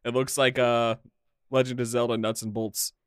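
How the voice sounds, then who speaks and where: A man's voice: medium pitch, flat delivery, moderate pace, clean tone, dry recording, studio quality. A man co-hosting a casual gaming podcast, eagerly explaining game features at length. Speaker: podcast co-host. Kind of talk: casual chat.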